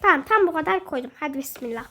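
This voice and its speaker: High-voiced chatty woman gaming. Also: lively intonation, very fast, pushed and bright, a little hiss or hum. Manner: chatty, self-mocking, exclaims at the game. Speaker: gaming video host. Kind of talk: casual let's-play commentary.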